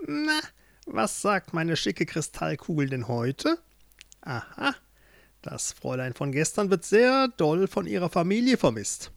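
A spiteful old witch, acted by a man sneers and gloats in a shrill, high voice that swoops up and down. Her talk carries a gravelly edge, close and dry. She sounds like a storybook villain. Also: big pitch swings, unhurried, no room sound, exaggerated voice. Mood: gloating.

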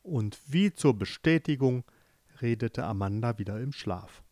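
A man narrating a fairy tale in an expressive, lively storytelling manner. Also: medium pitch, a little slow, dry recording, studio quality.

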